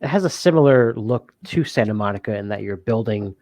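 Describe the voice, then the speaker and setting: A man's voice: lowish voice, animated, brisk, a little mellow. A man co-hosting a casual board game podcast, rambling with many fillers and frequent laughs. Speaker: podcast co-host. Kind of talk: casual chat.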